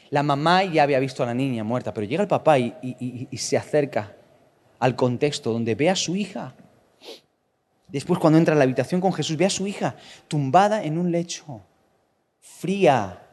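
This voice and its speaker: A man's voice: on the high side, darkish tone. A man from preaching a sermon with emphatic rhetorical questions. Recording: long reverb of a large room.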